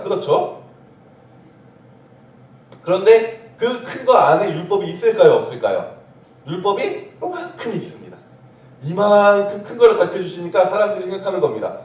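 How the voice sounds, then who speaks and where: A man's voice: high-pitched, a little mellow. A man preaching a sermon as pastor. He keeps asking the congregation questions and then answers them himself. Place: church sanctuary. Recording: echoey church from far off.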